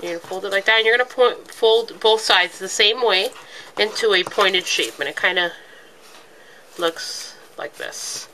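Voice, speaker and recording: Poor audio with a little hiss or hum captures a woman hosting a craft video while sick with a cold, her voice stuffy and congested. She speaks at a measured pace in a mid-range, bright, forceful tone, chatting through each step with plenty of ums as her hands stay busy.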